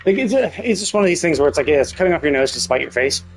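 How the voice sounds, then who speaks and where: This man streams a game with a fairly high, very animated voice, racing through casual guesses about what's happening and frequently adding "right?" to check himself. Game music runs underneath.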